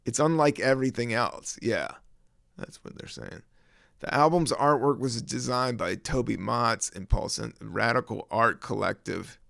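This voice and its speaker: A man's voice: mid-range voice, a little slow, creaky, fairly bright tone, dry recording, studio quality. A man hosting his own podcast in a rambling, laid-back chat full of fillers. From American South. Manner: rambling, laid-back, many fillers, laughs and sings snippets. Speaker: podcast host. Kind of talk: casual solo podcast chat.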